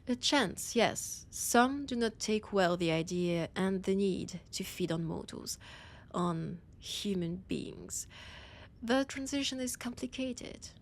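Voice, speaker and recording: A woman with a French accent plays an ancient vampire scholar in a roleplay audio drama, proud, teasing and predatory in manner. She speaks slowly and deliberately at a middling pitch, expressive and often sinking into a breathy whisper, sounding fond and amused.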